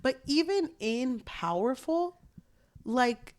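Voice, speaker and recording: A woman's voice: sits high, lively intonation, takes it slowly. A woman chatting casually as a book reviewer, sounding tipsy and rambling, blunt and swearing often.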